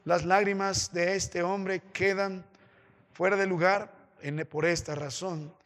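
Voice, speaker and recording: A man with a Peruvian Spanish accent, preaching a sermon as pastor, with impassioned swings between loud exhortation and quiet consolation. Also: level tone, takes it slowly. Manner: impassioned preaching with sweeping pitch and loudness swings. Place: church sanctuary. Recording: church hall reverb.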